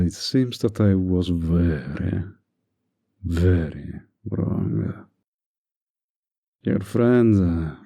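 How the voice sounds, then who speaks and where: A man in an intimate audio drama acts out a flirtatious, manipulative villain, sounding smug and teasing. He coaxes with deliberate pauses in a breathy, husky voice that is low-pitched and dark, and his delivery is heavily acted.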